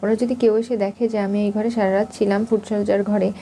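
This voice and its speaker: Timid guilty young woman, read by a woman, pleading, mellow dark voice. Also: medium pitch, flat delivery, brisk, slight background noise, natural voice. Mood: anxious.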